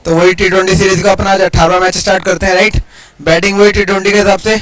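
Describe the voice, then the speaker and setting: A high-voiced man talks through a maths problem like a casual lesson. He explains each step aloud and rattles off digits as he works. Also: level tone, a bit bright, faint music behind, rough recording. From India. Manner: chatty, explains steps aloud, counts digits quickly. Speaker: maths teacher. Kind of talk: casual exam-prep lesson.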